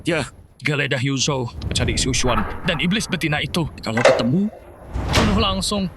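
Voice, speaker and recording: A man's voice: a little high, normal speed, lightly acted. A man playing a ruthless martial sect official giving commands in a dubbed fantasy drama. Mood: commanding. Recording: loud noise behind the voice.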